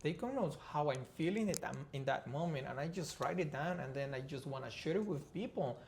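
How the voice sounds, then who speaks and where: A man's voice: on the high side, lively intonation, brisk, a little mellow, a little hiss or hum. A man from Colombia with a Colombian Spanish accent, a Spanish native speaker talking earnestly as a podcast co-host in casual chat.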